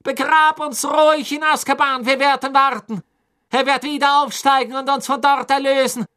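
A reader voicing a fanatical witch who shouts her defiance in a shrill, fierce voice in an audiobook. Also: level tone, moderate pace.

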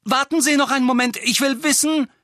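A man's voice: extremely high pitch, fairly even intonation, a little fast, no room sound, studio quality, pitched above the performer's own voice. A man voicing a breathless teenage boy who presses urgently with questions in an audiobook. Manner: panting, pressing.

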